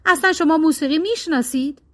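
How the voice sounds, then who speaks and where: Woman playing a proud, quick-tempered king from a folk tale; commanding, bellowing delivery. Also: high voice, voice pushed up, natural voice. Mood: imperious. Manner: roaring, imperious. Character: proud hot-tempered old male emperor.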